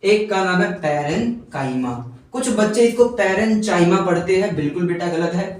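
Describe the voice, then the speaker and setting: Echoey teacher, dictating definitions slowly. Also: male voice, sits high, expressive, a little mellow, far from the mic. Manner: keeps checking in with students. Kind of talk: classroom lecture. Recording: very echoey room, voice from off-mic.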